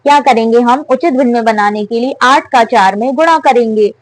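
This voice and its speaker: Woman maths teacher, higher voice, dry close sound, asks and answers her own questions. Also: moderate pace, no echo, low-quality recording. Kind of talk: step-by-step maths lesson.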